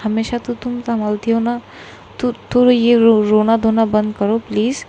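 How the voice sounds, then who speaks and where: A woman with a Bengali accent voicing a caring young woman who comforts and gently teases her partner. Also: little pitch movement, normal speed, highs cut off, slight background noise, lightly acted. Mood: teasing scold. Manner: soothing then teasing, a bit higher and brighter.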